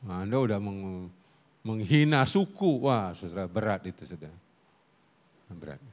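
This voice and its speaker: A man's voice: fairly low pitch, unhurried. A middle-aged man preaching a humorous sermon on family life at a church Sunday service. He tells stories, asks the congregation questions and laughs along with them. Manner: animated storytelling with audience questions and laughter. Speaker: guest preacher and counselor.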